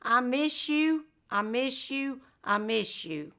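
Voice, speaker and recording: Older female interviewee, slow and heartfelt delivery, bright forward tone. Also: high-pitched. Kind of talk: interview, repeated takes.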